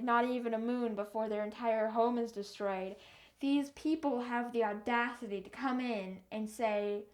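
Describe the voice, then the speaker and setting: A young woman with a slightly high voice rants through a book review. She is exasperated and animated, restarting her sentences as she rambles on. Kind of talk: casual ranting review.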